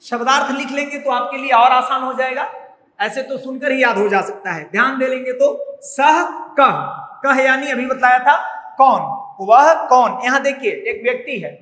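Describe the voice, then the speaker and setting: A male Sanskrit teacher giving a slow classroom lesson, repeating each word and its meaning and putting questions to the class. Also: very high voice, pushed and bright, a little hiss or hum. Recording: echoey room with long reverb.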